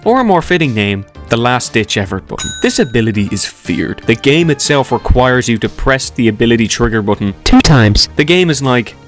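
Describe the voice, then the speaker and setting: A man's voice: medium pitch, big pitch swings, fairly quick, few pauses, faint music behind. A man giving scripted commentary ranking video game characters, casual with jokey asides to the viewer.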